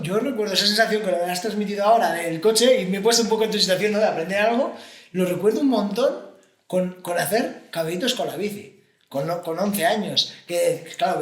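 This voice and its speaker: A fast-talking man with a high voice chats on a casual podcast. He sounds agreeable and reflective, and his voice rings in an echoey room. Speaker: podcast co-host. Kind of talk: casual conversation.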